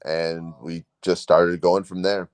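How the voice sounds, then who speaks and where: A man in his forties talks on a podcast in a low voice, recorded dry and close. He rambles through his story, acting out both sides of each conversation, and laughs often. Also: little pitch movement, slow, darkish tone, clean tone, dry recording. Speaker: guest comic writer. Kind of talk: casual podcast chat.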